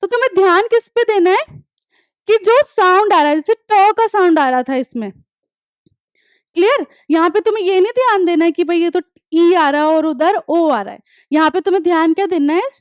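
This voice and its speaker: A young woman teaching an English lesson online, explaining step by step, often checking that students follow, and reading examples slowly. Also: very high voice, dry recording, studio quality. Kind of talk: online class lecture.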